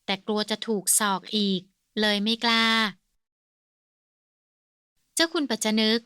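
A woman narrating a humorous period novel as an audiobook reader, with a steady storytelling delivery. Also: a little high, slow pace, smooth, no room sound, clean studio sound. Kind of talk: scripted narration.

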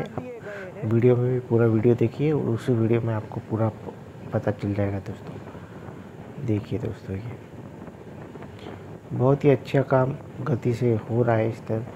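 A man's voice: medium pitch, dull audio. A man, narrating a casual railway travel vlog from a moving train and addressing viewers as friends. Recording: faint vehicle noise.

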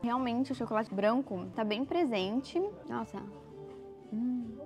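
Faint music sits behind a young adult travel vlogger with a Brazilian Portuguese accent as she samples dishes on an indoor restaurant terrace. Speaking on a lapel mic, she's chatty and murmurs while tasting, her slightly high, somewhat mellow voice taking things slowly.

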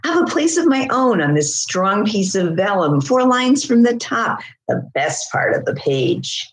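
A woman reading a poem in the voice of a proud, lazy cat from a manuscript, slow and savoring. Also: mid-range voice, sing-song, voice pushed up. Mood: smug. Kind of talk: poetry reading in a character's voice. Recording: roomy echo.

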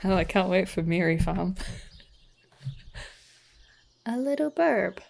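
A woman's voice: on the low side, expressive, extremely slow, vocal fry, a little mellow. Giggly young woman playing a game. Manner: giggly, chatty, joking. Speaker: gaming video host. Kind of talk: casual let's play commentary. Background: background game music.

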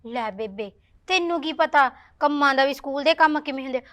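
A young woman plays a lovestruck schoolgirl in a family drama, playful and coaxing with her mother. Her voice is very high and light. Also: fairly quick, fairly bright tone. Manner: playful, coaxing, talks to herself. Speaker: daughter. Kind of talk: village family drama acting.

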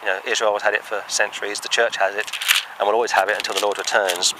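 Earnest low-voiced man preaching outdoors. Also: little pitch movement, quick pace, very noisy. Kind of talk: sermon with Bible reading.

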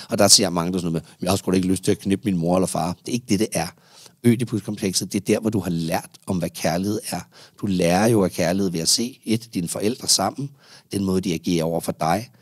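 Deep husky dude, therapist guest on a podcast, lots of restarts, dry close mic. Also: male voice, no room sound. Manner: animated, explanatory, frequent restarts. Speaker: psychotherapist guest. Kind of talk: casual podcast conversation.

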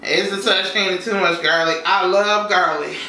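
A cooking vlogger in her thirties talks at normal speed in a medium-pitched voice, casually walking through a dish at home. Her manner is chatty and folksy; the camera mic sits far away in the roomy kitchen, catching clattering dishes and slight background noise.

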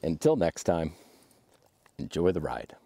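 Casting: thirties man, deep gravelly voice, easygoing outdoorsy vlogger, lively delivery. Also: unhurried, no echo. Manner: laid-back, chatty, talks to his dog. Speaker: overlanding vlogger. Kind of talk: casual how-to vlog. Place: outdoors at a wooded campsite.

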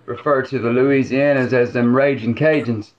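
A man's voice: medium pitch, fairly even intonation, normal speed. A man from Alabama with a Southern accent, joking in a folksy, drawling way on a casual video chat. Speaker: live stream host. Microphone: headphones with mic. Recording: muffled lo-fi stream audio.

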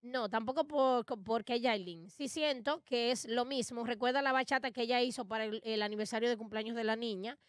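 A woman co-hosting morning radio, her voice a bit high. She speaks frankly and critically. The studio sound is close and dry. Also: steady tone, a little fast, few pauses, smooth, dry recording. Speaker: radio co-host. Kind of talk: casual morning radio chat.

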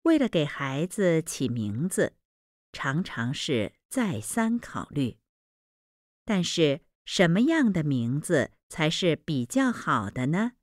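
Deep, slow woman reading instructions. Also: big pitch swings, dry recording, clean studio sound. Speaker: exercise narrator.

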